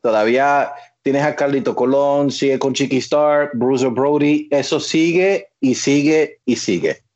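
A man's voice: medium pitch, unhurried, a little mellow. A man from New Jersey co-hosting a Spanish-language podcast, earnest and emphatic. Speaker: podcast co-host. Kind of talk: casual podcast chat. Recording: dull lo-fi podcast audio.

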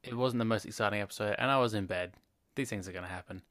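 Man with a smooth low voice. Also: very fast, fairly bright tone, no echo, clean studio sound. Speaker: podcast co-host. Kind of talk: casual chat.

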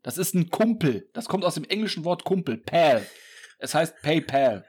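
A man's voice: a little high, sing-song, normal speed, a little mellow, breathy edge. A man, co-hosting a casual podcast and playfully mock-lecturing. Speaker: podcast co-host.

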